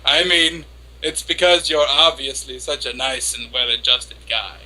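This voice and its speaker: A man's voice: mid-range voice, measured pace, pushed and bright, low-quality recording. A man giving a hammy, theatrical dramatic reading as a lovestruck, flustered and obsessively devoted young anime woman. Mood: coy, embarrassed. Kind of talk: dramatic reading of an internet post.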